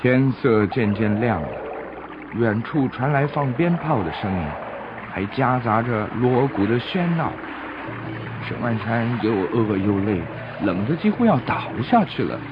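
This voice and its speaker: Speaking at a measured pace in a medium, animated voice, this man tells a scripted story for kids, keeping explanations simple and expressive for young ears. Background noise and music sit under a dull, lo-fi recording.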